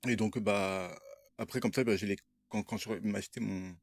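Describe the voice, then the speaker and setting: A man's voice: lowish voice, fairly even intonation, moderate pace, vocal fry, dry recording. A young man talking casually to camera, showing what he bought, hesitant with many fillers and restarts. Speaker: vlogger. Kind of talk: casual show-and-tell vlog.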